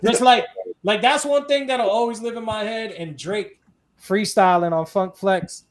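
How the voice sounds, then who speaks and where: A man co-hosting a podcast, telling stories in animated, slangy casual chat and swearing freely. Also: sits high, a little slow.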